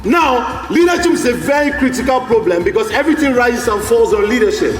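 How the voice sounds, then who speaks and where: A man's voice: extremely high pitch, animated, a little fast, music in the background. A man giving a rousing speech to a live audience at a forum, repeating lines and calling out to the crowd. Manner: exhorting, repetitive, calls out to the crowd. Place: large hall at a live forum. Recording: echoey hall, voice from a distance.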